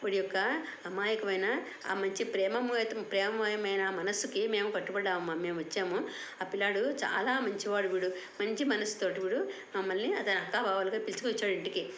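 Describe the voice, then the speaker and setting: A woman voicing a benevolent divine couple who speak calmly and lower, as if giving a blessing. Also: fairly quick, roomy sound, a little hiss or hum, close to an everyday voice. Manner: calm, blessing.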